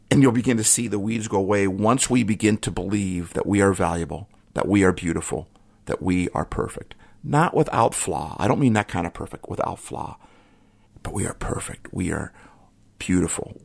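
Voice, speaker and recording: Earnest man with a gravelly low voice. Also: moderate pace. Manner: earnest, emotional, with soft laughs and trailing quiet endings. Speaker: podcast host. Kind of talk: reflective solo podcast talk.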